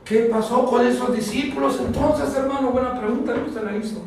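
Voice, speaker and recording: A man's voice: extremely high pitch, steady tone, a little fast, a little mellow, a little hiss or hum. A man preaching a sermon, often asking the congregation questions and calling for answers. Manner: asks the congregation questions and calls out for responses. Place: church hall. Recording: echoey hall, mic far off.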